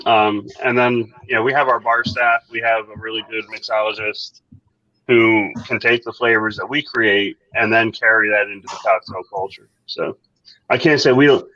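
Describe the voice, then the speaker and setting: A man working as a head distiller, answering in a measured, practical way during a live online chat. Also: on the low side, steady tone, pushed and bright. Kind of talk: casual live-stream chat. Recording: dry, dull lo-fi audio.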